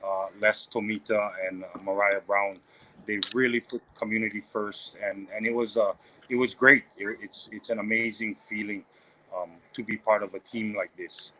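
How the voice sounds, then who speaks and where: A man in his thirties from Maui chats about his restaurant in a casual, halting way. His voice sits low but has a bright edge. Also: poor audio. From Maui, Hawaii. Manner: relaxed, hesitant, many fillers. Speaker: restaurant manager. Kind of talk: casual chat.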